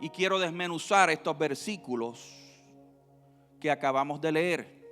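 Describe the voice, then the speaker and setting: A male pastor preaching a sermon, swinging between loud emphasis and quiet, drawn-out teaching. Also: fairly high pitch. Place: church sanctuary. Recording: reverberant hall with faint music.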